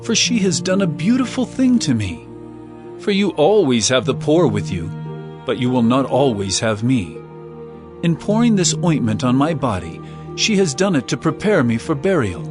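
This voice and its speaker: An actor playing Jesus as a calm, authoritative male teacher, speaking in an earnest, measured way. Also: medium pitch, natural voice. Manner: earnest, measured scripture delivery. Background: music score.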